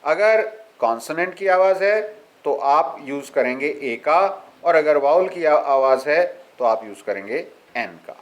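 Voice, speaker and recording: A man teaching English grammar, reading examples slowly and explaining them step by step. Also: a little high, expressive, poor audio. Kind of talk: explaining a lesson.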